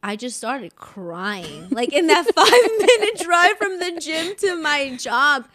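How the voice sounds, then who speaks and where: A young adult woman co-hosting a podcast in casual chat, animated and openly personal, laughing often. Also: high-pitched, slow, no room sound, clean studio sound. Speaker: podcast co-host.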